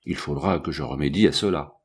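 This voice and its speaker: A man's voice: a bass voice, a little fast, husky, pitched below the performer's own voice. A man doing a fussy, nervous old scientist. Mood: explaining.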